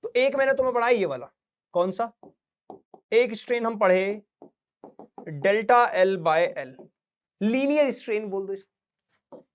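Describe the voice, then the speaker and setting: A man's voice: very high-pitched, expressive, moderate pace, long pauses. A young man teaching a physics lesson in a casual, chatty way, calling his students beta and bhaiya and mixing in anecdotes and little sung sound effects. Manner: sings little sound effects between points. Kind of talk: casual classroom lecture.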